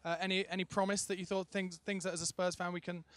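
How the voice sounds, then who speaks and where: Fast-talking young male fan interviewer. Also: high voice, little pitch movement, fairly bright tone, no echo. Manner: quick, chatty and enthusiastic. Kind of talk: outdoor post-match fan interview. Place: outdoor car park by a stadium. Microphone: handheld microphone.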